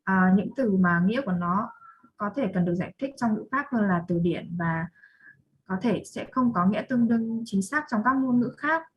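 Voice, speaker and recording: A woman's voice: medium pitch, expressive, normal speed, slightly rough, lo-fi sound. A young woman with a Vietnamese accent giving a student presentation, reading definitions and then explaining them again. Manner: reads slide definitions then restates them.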